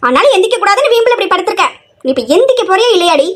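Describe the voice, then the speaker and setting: A woman's voice: extremely high pitch, big pitch swings, rapid-fire. A woman playing a nagging middle-aged mother in a family comedy skit, scolding and complaining nonstop.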